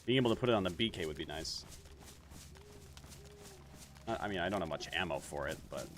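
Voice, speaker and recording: A man's voice: low-pitched, expressive, a little fast, a bit bright. A man streaming a survival game, talking to himself casually as he plays, thinking aloud and correcting himself. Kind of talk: casual gameplay commentary.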